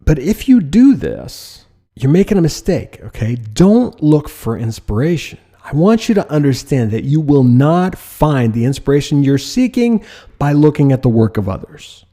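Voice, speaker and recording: A man's voice: a little high, big pitch swings, normal speed, warm tone. A man teaching design in a direct lecture style, asking rhetorical questions and using mild sarcasm. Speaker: design instructor.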